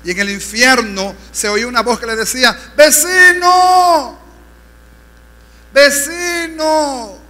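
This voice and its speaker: A man's voice: high voice, fairly even intonation, fairly quick, few pauses, bright, forceful tone. A man with a Dominican accent, a pastor preaching a fervent sermon with rising exhortations in a church. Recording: reverberant church hall, faint hum.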